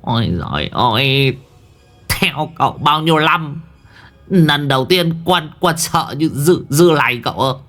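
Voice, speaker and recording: A man voicing a terrified old male spirit medium who whimpers and stammers in a hushed, quavering voice. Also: fairly high pitch, animated, measured pace, soft background music, pitched above the performer's own voice. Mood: whimpering.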